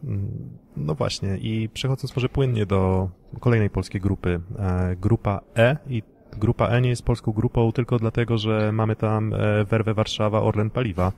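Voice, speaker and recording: Podcast host, male, low and flat delivery, measured and analytical. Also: vocal fry. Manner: measured, analytical, hands questions to co-hosts. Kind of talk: casual sports podcast discussion.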